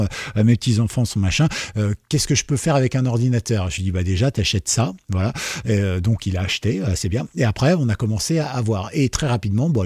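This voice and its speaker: Chatty French-speaking man, mellow husky voice. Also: mid-range voice, no room sound, studio quality. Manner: chatty, many fillers and restarts; explains simply, checks in with listeners. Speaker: programming teacher. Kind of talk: casual spoken tutorial.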